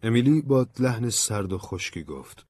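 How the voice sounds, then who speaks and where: A man narrating an audiobook in a calm, even storytelling manner. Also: mid-range voice, breathy edge, no echo. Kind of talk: scripted narration.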